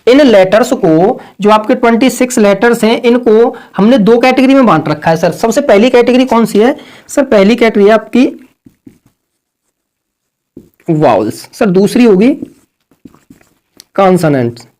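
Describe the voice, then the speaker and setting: A man's voice: high-pitched, animated, measured pace, pauses often, a little mellow. A man teaching an online grammar lesson. He repeats every point, drills the same lines, and keeps calling his listeners "sir" and "brother". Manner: over-pronounces the words he is correcting.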